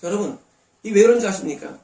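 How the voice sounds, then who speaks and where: Male pastor, high voice, sermon with rhetorical questions, distant mic in an echoey sanctuary. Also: lively intonation, fast, dark tone. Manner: preaching with rhetorical questions to the congregation. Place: church sanctuary.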